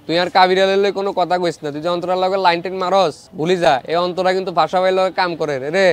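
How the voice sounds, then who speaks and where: A young man mimicking rough-talking dialect men. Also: high voice, steady tone, rapid-fire, close to an everyday voice. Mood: teasing. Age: young adult. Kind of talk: mimicry of voices.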